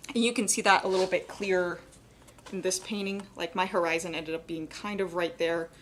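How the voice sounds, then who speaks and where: With a low-leaning, steady voice that cracks a little, a young adult painting instructor talks a bit fast through her live demo. She keeps it casual and chatty, using "like" and "kind of" often, and there's slight background noise.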